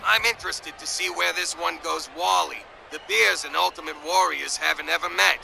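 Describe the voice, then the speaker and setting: A man with a gravelly voice giving wrestling commentary. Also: a little high, moderate pace, over music, low-quality recording. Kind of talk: sports commentary.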